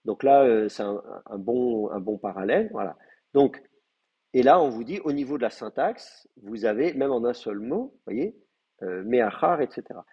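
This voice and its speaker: A man's voice: medium pitch, expressive, normal speed, slightly rough, lo-fi sound. A man teaching an advanced Hebrew class, explaining grammar step by step with many hesitant fillers. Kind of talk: live class lecture.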